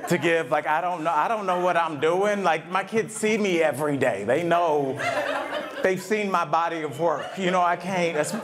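A middle-aged man doing a stand-up comedy set at a live event, talking in a conversational, animated way with lots of asides. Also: a little high, moderate pace. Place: live event venue with audience. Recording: live venue with loud crowd. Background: audience laughter.

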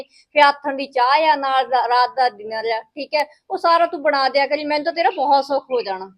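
A woman playing a village wife who lectures her sister-in-law in a sharp, sarcastic way in a family skit. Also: high voice, close to an everyday voice.

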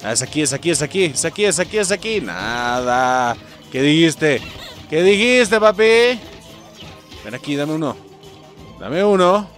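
Lively Mexican man commenting on gameplay. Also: a little high, measured pace, long pauses, soft background music. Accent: Mexican Spanish. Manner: animated, swears often, keeps addressing viewers as "muchachos". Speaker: gameplay streamer.

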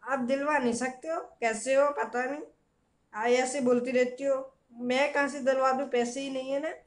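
A man's voice: very high-pitched, fairly even intonation, moderate pace, pitched below the performer's own voice. Young man playing a scolding stingy father. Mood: defensive. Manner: nagging, scolding. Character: scolding middle-aged father, stern and stingy.

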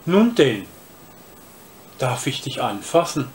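A man reading aloud and voicing a shy, gentle young boy who speaks timidly. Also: a little high, animated, slow pace, a little hiss or hum. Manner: timid, soft-spoken.

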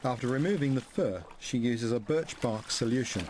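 Man reading doc voice-over, steady calm tone, mid pitch, faint hiss behind. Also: moderate pace. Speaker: presenter narrating. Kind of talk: scripted documentary narration.

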